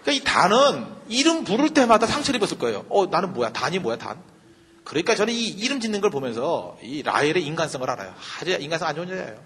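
A man who is a pastor, giving a humorous sermon-style lecture, animated and joking, full of rhetorical questions. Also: a little high, very fast, few pauses, long reverb tail, slight background noise.

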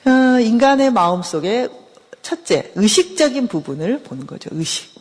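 A middle-aged woman lectures on counseling theory in a husky, slightly breathy voice, her pitch rising and falling in a lively way. She talks to the class conversationally and keeps asking them questions. The sound carries a long reverb from a lecture hall. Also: normal speed. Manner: conversational, asks the audience questions often.

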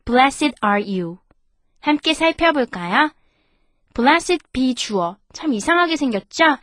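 A woman, an English teacher, reading a Bible story slowly in two languages, then explaining phrases in a friendly, careful way. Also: high-pitched, animated, a bit bright, dry recording, clean studio sound.

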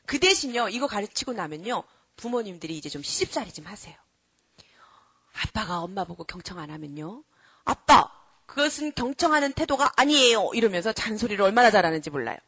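A middle-aged woman giving a lively lecture to an audience. She quizzes her listeners and acts out children and parents as she goes. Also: mid-range voice, fast, slightly rough, no room sound. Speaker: character-education lecturer.

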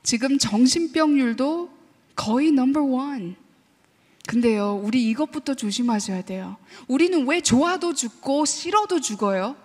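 A woman professor giving a lively sermon-style talk to a church audience, mixing English phrases into her speech and asking the audience questions. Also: sits high, measured pace. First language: Korean heritage, also fluent in English. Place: church hall. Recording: long reverb of a large hall.

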